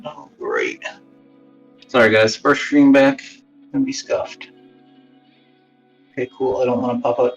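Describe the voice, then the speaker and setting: A man with a medium-pitched, creaky voice talks a little slowly with fairly even intonation and long pauses, chatting casually on a live stream. He rambles, swears, mocks himself and often mutters under his breath. The lo-fi, distant audio comes through a phone used as a wireless webcam mic, boxy like speakerphone inside a box, with faint background music.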